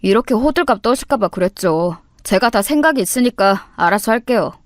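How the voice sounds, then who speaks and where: Casting: woman playing a curt, independent young man, flat and dismissive, for a narrated story. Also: medium pitch, fairly quick, no room sound, clean studio sound, natural voice. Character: aloof young man, curt and self-assured.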